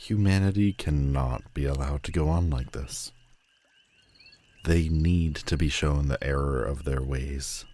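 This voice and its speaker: This bass-voiced man, dark in tone and unhurried, voices a telepathic supervillain for a roleplay audio drama. Addressing the listener up close, he is commanding, wry and protective, his mood exasperated and scornful.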